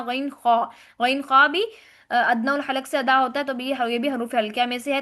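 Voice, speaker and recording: A woman teaching a tajweed class, explaining rules step by step and reciting Arabic words slowly and drawn out. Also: a little high, fairly bright tone. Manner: explains rules step by step, asks and answers own questions. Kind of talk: tajweed lesson.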